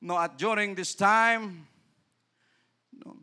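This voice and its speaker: A man's voice: high voice, steady tone, drawn-out words, bright, forceful tone, clean tone. A male pastor with a Filipino accent preaching a sermon, switching between Tagalog and English, dropping in "no?" and acting out dialogue. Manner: mixes Tagalog and English, frequent tag "no?", acts out dialogue.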